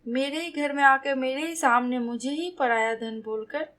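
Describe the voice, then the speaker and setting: A woman's voice: high voice, normal speed, fairly bright tone. Woman voicing a teary, stubborn young bride-to-be. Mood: upset.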